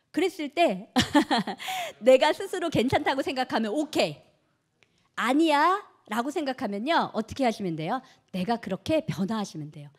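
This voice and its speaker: Animated high-voiced woman leading a seminar. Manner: lively, asks the audience rhetorical questions; acts out quoted remarks in changed voices. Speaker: network marketing leader speaking to her team. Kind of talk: motivational seminar talk.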